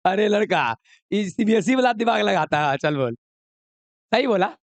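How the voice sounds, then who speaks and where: A man's voice: high-pitched, animated, normal speed, no room sound. A man teaching a chemistry class, coaxing and scolding students while mixing with English. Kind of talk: classroom lesson.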